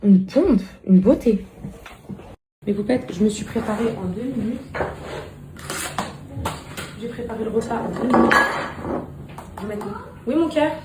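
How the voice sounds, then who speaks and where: A young mother vlogging casually at home, rambling and animated with many restarts, and cooing affectionately to her children. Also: mid-range voice, measured pace, pauses often. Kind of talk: casual vlog chat to viewers. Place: home with kitchen. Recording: echoey room with background noise.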